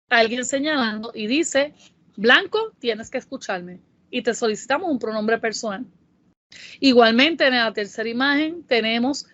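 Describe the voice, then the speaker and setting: A woman with a Puerto Rican Spanish accent, narrating a Spanish grammar lesson in a careful, explanatory way and reading example sentences slowly. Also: high voice, a bit bright, no echo. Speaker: Spanish tutor. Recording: dull, dry voice-over.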